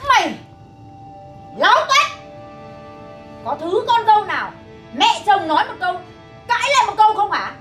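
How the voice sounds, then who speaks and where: A woman's voice: normal speed, long pauses, faint music behind, lightly acted, poor audio. An actress playing a suspicious, scolding middle-aged mother-in-law in a TV drama. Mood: furious. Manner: scolding, shrill when angry. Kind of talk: TV drama acting.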